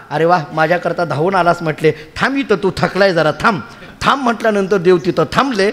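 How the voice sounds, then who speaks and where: A man's voice: high voice, a bit bright. A man preaching and telling stories to a live audience, chatty and humorous, often asking the listeners questions. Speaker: kirtan preacher. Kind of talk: sermon storytelling. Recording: long hall reverb.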